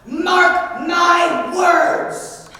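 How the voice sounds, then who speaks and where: Teen girl doing a pompous indignant sheriff onstage, high voice, drawn-out lines, super echoey hall from far off. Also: steady tone, sharp tone, heavily acted. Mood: outraged. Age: teenager. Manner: pompous, blustering, declaiming. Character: pompous, blustering, indignant Sheriff of Nottingham, outraged by outlaws. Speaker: student actor. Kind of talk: high school stage play acting. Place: school stage or auditorium, indoors. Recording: distant mic, very echoey noisy hall.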